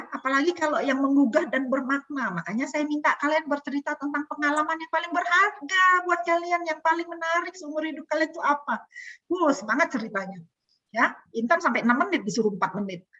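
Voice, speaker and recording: A woman with an Indonesian accent coaching a group online, asking them questions in a lively teacherly way. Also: high-pitched. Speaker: communication coach. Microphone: video call. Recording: dull lo-fi video call audio.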